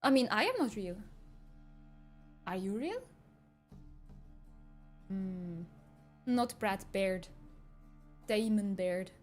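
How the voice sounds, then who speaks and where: A high-pitched, teasing AI avatar girl who talks slowly and sarcastically, voiced by a man through a voice changer. The processed feminine voice chats casually over faint game music in the background. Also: animated, full character voice. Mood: chatty. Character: sarcastic female AI avatar streamer. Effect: voice changer making a man sound female. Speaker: streamer. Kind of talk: casual chat with viewers. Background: faint game soundtrack music.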